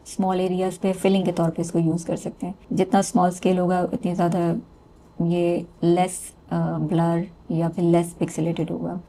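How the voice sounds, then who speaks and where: A woman calmly explaining a screen-recorded design tutorial step by step, with small hesitations. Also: on the low side. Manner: calm step-by-step explaining with fillers. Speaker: textile design instructor.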